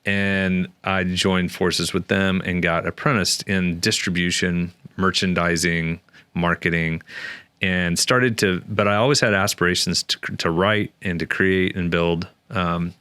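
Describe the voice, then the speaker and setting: A man from Oklahoma in his forties, a guest author telling stories in a lively interview, with many restarts. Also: low voice, unhurried, clean tone, no echo. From Oklahoma, USA. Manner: animated, many restarts and fillers. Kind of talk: conversational storytelling interview.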